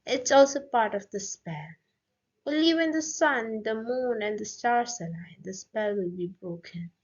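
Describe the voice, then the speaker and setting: A woman voicing a sly, scheming old witch who speaks in a measured, coolly superior way. The audio is dull and lo-fi. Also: fairly high pitch, breathy edge. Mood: sly, pleased.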